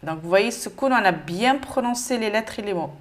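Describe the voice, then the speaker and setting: Une femme qui donne un cours de lecture avec patience, en répétant lentement chaque mot. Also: female voice, mid-range voice, expressive. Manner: patient, repeats each word slowly. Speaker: Arabic reading teacher. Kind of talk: step-by-step lesson.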